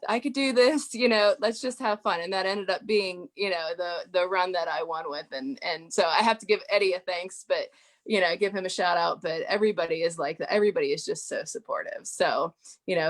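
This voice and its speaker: A woman's voice: on the low side, fairly quick, fairly bright tone. Chatty woman guest, frequent fillers. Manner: chatty storyteller, frequent "you know" fillers. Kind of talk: casual podcast interview.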